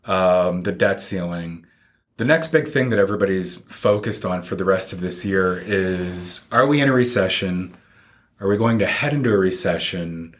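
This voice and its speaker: Male financial advisor as interview guest, low voice, plain-spoken and informal, explaining conversationally.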